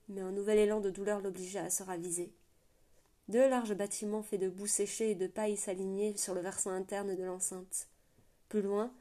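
Audiobook narrator, woman, mellow and dark in tone, steady fantasy storytelling with occasional restarts. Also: mid-range voice. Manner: steady, with small slips and restarts.

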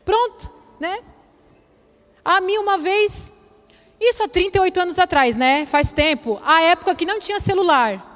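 A woman's voice: very high-pitched, normal speed, a bit bright. A middle-aged woman, preaching a chatty, humorous sermon to women and acting out quotes. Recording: long hall reverb.

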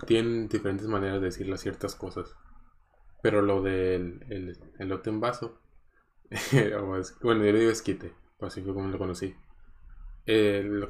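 A Mexican man with a lowish voice and a Mexican Spanish accent hosts a casual solo podcast. He rambles and chats freely, dropping plenty of fillers and chuckles along the way.

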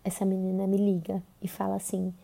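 A woman's voice: medium pitch, monotone, brisk, creaky, dark tone. A young adult woman with a Brazilian Portuguese accent, telling a personal story on a podcast in a casual way with lots of fillers. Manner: conversational retelling with many fillers.

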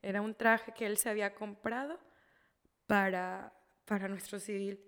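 A woman with a Mexican accent telling an emotional personal story, halting, with many restarts and repeated words. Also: medium pitch, little pitch movement, a bit bright, in a large hall.

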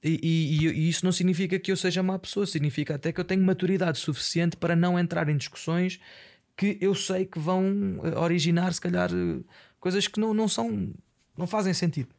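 Rambling Portuguese man, gravelly voice. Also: high voice, fairly even intonation, a little fast, a little mellow. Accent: European Portuguese. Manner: rambling, frequent swearing and English fillers. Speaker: podcast host. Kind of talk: casual solo podcast monologue. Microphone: close microphone.

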